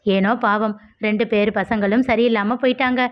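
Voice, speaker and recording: A woman's voice: on the high side, steady tone, moderate pace, lo-fi sound, lightly acted. A woman voicing a middle-aged mother who scolds and gossips. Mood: gossiping.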